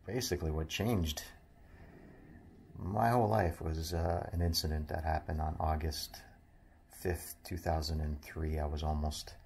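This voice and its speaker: A middle-aged man talking casually to a phone camera at arm's length in a dim room, reflective and halting, with many fillers and restarts. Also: low-pitched, darkish tone, slight background noise. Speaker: vlogger. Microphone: handheld phone at arm's length.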